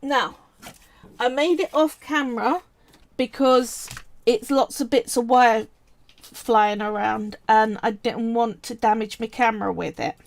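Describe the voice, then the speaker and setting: A woman with a fairly high, creaky voice chats with live-stream viewers as she walks them through a polymer clay sculpting project, recorded dry. She's casual and explanatory, often pausing on "right" and "so."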